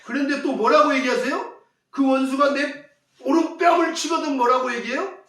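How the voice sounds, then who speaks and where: A male pastor with a high voice preaches a sermon and keeps putting questions to his congregation. He repeats his key phrases to drive them home. The sound is roomy and echoing, picked up from some distance away in a church. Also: normal speed, sharp tone. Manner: asks the congregation rhetorical questions. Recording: echoey church hall, mic at a distance.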